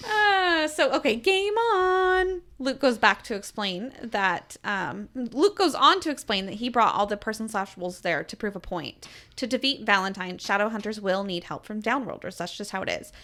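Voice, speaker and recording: A woman's voice: mid-range voice, expressive, moderate pace, bright, forceful tone. A woman co-hosting a podcast, recapping in chatty casual talk with frequent laughs and swearing. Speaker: podcast co-host. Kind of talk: casual chat.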